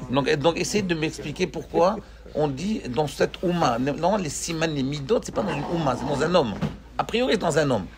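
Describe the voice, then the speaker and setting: Animated rabbi teaching a class. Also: male voice, on the high side, moderate pace, background noise. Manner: animated, questioning, joking with students. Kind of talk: lively Torah class with students.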